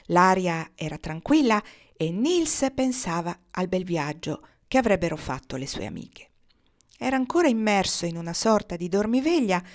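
A woman reading a children's novel aloud in a measured, gently expressive way. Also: fairly low pitch. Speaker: reader.

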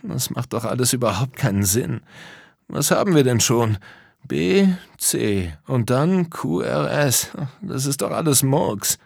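An impatient young boy from a storybook, quick to grumble and mock, with a lively, jumpy voice, as a male narrator puts him on. The sound is dry and close, a bit husky. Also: medium pitch, dry recording, pitched above the performer's own voice, heavily acted. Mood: grumbling. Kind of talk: storybook character voice.

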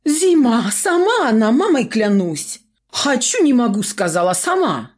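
A cowardly middle-aged trader, put on by a woman reading a story, bleating and sobbing in a high, cracking voice. He swings wildly up and down as he begs, fawns and whines for mercy. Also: big pitch swings, a little slow. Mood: wailing pleading. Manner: whining, pleading, sobbing.

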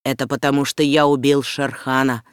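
A defiant wolf-raised boy, as an audiobook reader plays him, commanding and mocking by turns. He speaks raised and loud, a little above the reader's usual pitch. The recording is dry and close. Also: little pitch movement, normal speed, smooth, dry recording, natural voice.

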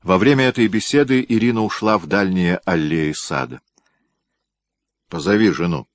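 A man narrating an audiobook in an even, measured reading. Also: deep voice, no echo. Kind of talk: scripted narration.

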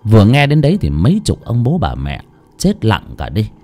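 A man's voice: on the low side, wildly swooping pitch, moderate pace, mellow, soft background music. A man narrating a dramatic horror story. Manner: dramatic, voicing characters.

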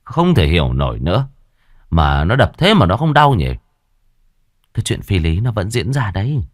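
A man's voice: on the low side, big pitch swings, moderate pace, no echo, clean studio sound. A man doing an indignant gossiping villager.

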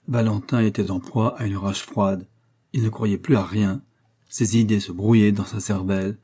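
Low husky male audiobook narrator. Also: warm tone.

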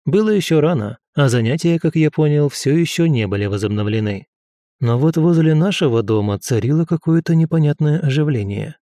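Man narrating an audiobook, steady, mellow dark voice, dry close mic. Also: fairly high pitch, fairly quick, no room sound. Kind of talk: scripted first-person narration.

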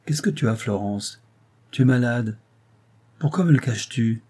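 A man reading the lines of a proud young actress who speaks calmly and curtly. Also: mid-range voice, moderate pace, close to an everyday voice. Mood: calm cool. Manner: calm, curt.

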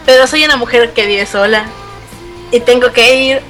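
A woman's voice: a little high, normal speed, fairly bright tone, faint music behind. A woman guest on a podcast, chatting in a playful, affectionate way. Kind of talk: casual chat.

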